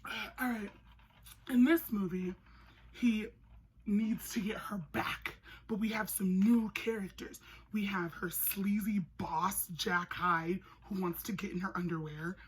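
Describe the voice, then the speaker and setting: A young woman giving a casual, comedic recap in an animated, sarcastic way, with slangy phrasing and a husky, breathy voice. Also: mid-range voice, unhurried, a little hiss or hum, poor audio. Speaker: movie reviewer.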